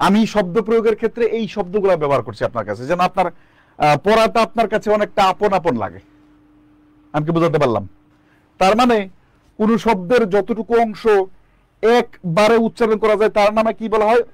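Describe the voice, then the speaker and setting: A man's voice: high voice, no room sound. A man teaching an online English lesson, asking students questions and drilling the answers back. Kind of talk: online lecture.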